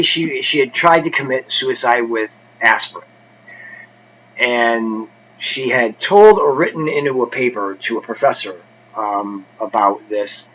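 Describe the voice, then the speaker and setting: A man's voice: medium pitch, a bit bright, muffled recording, a little hiss or hum. A congested man hosting a casual book review channel, rambling with many fillers and restarts.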